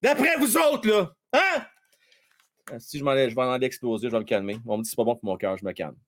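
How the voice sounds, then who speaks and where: Excitable Québécois man calling hockey live. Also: mid-range voice, fast. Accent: Québécois French. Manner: excitable, shouting at plays then dropping to a mutter. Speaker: livestream hockey commentator. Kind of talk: live fan commentary with viewer chat.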